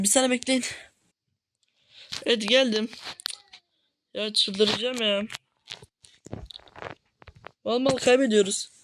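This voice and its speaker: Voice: mid-range voice, a bit bright, slight background noise. A gaming channel host talking over gameplay at home, often frustrated, exclaiming and grumbling at teammates. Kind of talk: gameplay commentary.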